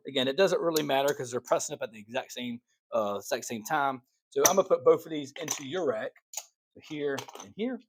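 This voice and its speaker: A male craps channel host with a fairly high voice demonstrates strategy at the table, calling rolls like a dealer and tossing chatty asides to viewers while paying bets. He is excitable and a bit winded, out of breath throughout. A little hiss or hum sits in the background.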